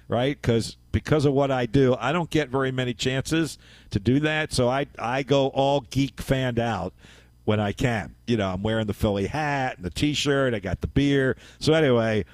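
A man's voice: mid-range voice, no echo. A man hosting a sports radio show, telling a story in a chatty, rambling way and laughing at himself. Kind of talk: casual radio chat.

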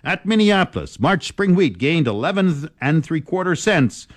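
A man's voice: a little high, big pitch swings, moderate pace, no echo. A man reading scripted farm news and market prices as a radio presenter.

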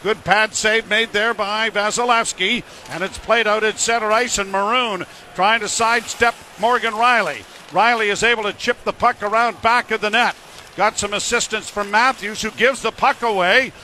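Male hockey play-by-play commentator. Rapid running call, high voice, forceful bright edge. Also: steady tone, a little hiss or hum.

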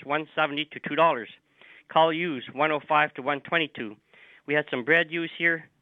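A man's voice: on the high side, no room sound, phone-quality sound. A man giving a radio farm report, reading livestock auction prices in clipped lists.

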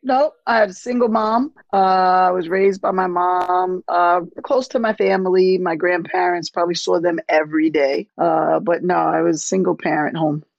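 A woman answering interview questions in a straightforward, friendly way, now and then pausing to find her words. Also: lowish voice, fairly even intonation, creaky, no echo. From South Jamaica, Queens, New York. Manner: straightforward, friendly, slightly halting. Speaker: state trooper, interview guest. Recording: dull, dry lo-fi remote line.

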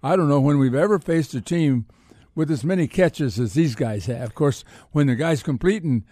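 A man gives conversational sports analysis as a radio co-host. His voice is mellow and mid-pitched, recorded dry, and his informal delivery repeats phrases for emphasis. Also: normal speed, no echo.

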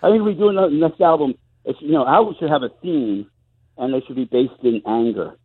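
Calling in from home for a relaxed interview, this musician guest sounds wry, glum and self-deprecating, heard first through the phone and then on speakerphone. He talks fairly quickly in a high-ish, breathy voice over a tinny, muffled line.

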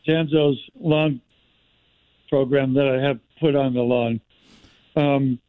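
A man's voice: medium pitch, no room sound. Man calling in over a tinny phone line. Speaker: caller.

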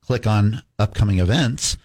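A man's voice: on the low side, normal speed, darkish tone, husky, no room sound. A man appearing as a guest on a morning radio show in the studio, talking upbeat and promotional. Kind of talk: casual radio chat.

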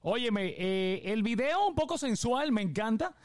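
A man's voice: extremely high pitch, expressive, a little slow, crowd noise. A man with a Puerto Rican accent, hosting a live radio interview, upbeat and enthusiastic with many fillers like "eh" and "este". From Puerto Rico. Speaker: radio host.

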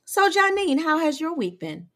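A woman in her forties co-hosts a podcast, chatting casually but emphatically and speaking directly to her listeners. Her high, sing-song voice is bright and forceful, at a moderate pace.

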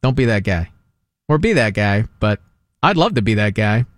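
A man's voice: lowish voice, normal speed, dry recording. A man from Long Island, co-hosting a sports talk radio show with joking, repetitive riffs. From Long Island, New York. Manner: animated, joking, riffs and repeats himself. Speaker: radio host. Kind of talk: casual sports talk banter.

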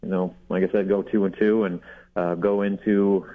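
A man talking casually as a guest sports reporter, relaxed, with frequent fillers and restarts. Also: sits low, moderate pace. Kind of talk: casual radio chat. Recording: phone-line call-in audio.

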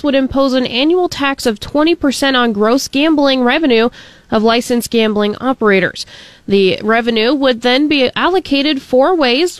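A woman reading a radio news bulletin in a steady, clear newsreader delivery. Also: fairly high pitch, no echo.

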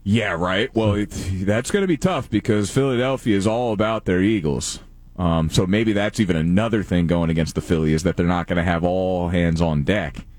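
A man's voice: low voice, moderate pace, darkish tone, no room sound. A man co-hosting a sports talk show in casual chat, joking and laughing, often trailing off mid-sentence.

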